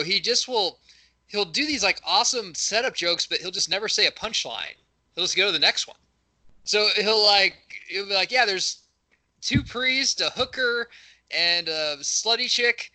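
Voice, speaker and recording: A man's voice: high voice, bright, forceful tone, rough recording. A man co-hosting a podcast, giving joking, profane, rambling mock field reports. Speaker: podcast co-host, comic correspondent.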